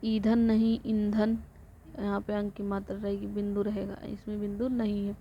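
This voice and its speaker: A woman teacher reciting vocabulary lists for exam prep in a flat rote way, sometimes correcting herself. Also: mid-range voice, brisk. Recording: dull lo-fi recording with faint noise.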